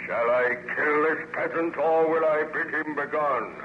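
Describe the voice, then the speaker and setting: An actor playing an artificial monster, a bitter lonely outcast, in formal declamatory old radio serial style with dramatic pauses. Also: male voice, a little high, natural voice. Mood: menacing. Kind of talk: 1930s-40s radio serial acting. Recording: noisy muffled old radio recording.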